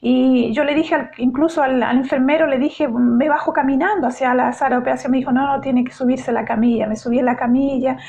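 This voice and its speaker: A middle-aged woman, giving a heartfelt personal faith testimony in a halting way with many restarts. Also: high voice, fairly even intonation, gravelly, a little mellow, highs cut off. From Chile.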